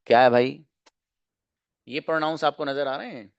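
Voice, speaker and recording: A man teaching an online English grammar lesson, explaining slowly, repeating examples and asking rhetorical questions. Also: medium pitch, steady tone, creaky, smooth, no echo, highs cut off.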